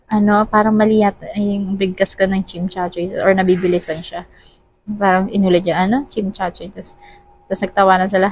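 A woman's voice: medium pitch, creaky, a little hiss or hum, low-quality recording. A woman with a Filipino accent telling a story in casual vlog chat, often laughing and acting out the dialogue. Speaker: vlogger. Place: airport departure area.

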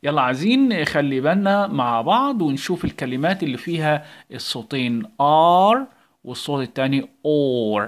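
A man's voice: fairly high pitch, lively intonation, moderate pace. A male English teacher with an Egyptian Arabic accent, giving a recorded lesson to young children and calling out words for them to repeat. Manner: coaxing, calls out English words for the class to repeat.

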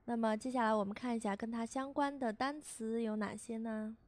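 A woman teaching a beginner language lesson as a voice-over, patiently repeating each sound slowly for learners. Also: fairly high pitch, steady tone, darkish tone.

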